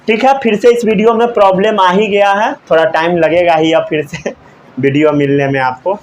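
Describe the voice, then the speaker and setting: A young man teaching a class, asking questions, repeating the answers and dictating key lines slowly word by word. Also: high-pitched, fairly even intonation, a little hiss or hum. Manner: asks students questions, repeats answers, mixes English terms. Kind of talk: classroom lecture.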